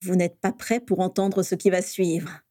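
A woman's voice: lowish voice, fairly even intonation, a little slow, dark tone, no room sound, studio quality, lightly acted. A woman voicing an exuberant, cocky teenage boy wizard who talks in a showy, theatrical way. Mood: playful, showy.

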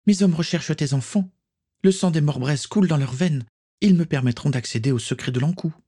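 A man voicing a scheming, cruel female dark witch in a read-aloud story, haughty and menacing. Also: fairly high pitch, fairly quick, husky, pitched above the performer's own voice. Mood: haughty, threatening. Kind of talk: audiobook character voice.

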